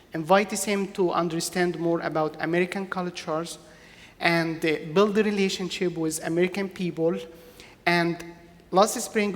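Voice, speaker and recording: A woman leading a church program, speaking to a congregation in halting non-native English with many fillers. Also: fairly low pitch. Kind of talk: informal talk at a church gathering. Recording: long reverb of a large hall.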